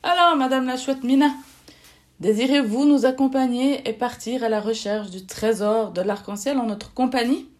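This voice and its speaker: A woman's voice: a little high, normal speed, darkish tone, voice pushed up, close to an everyday voice. A woman voicing a polite, hopeful male squirrel who coaxes formally. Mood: coaxing.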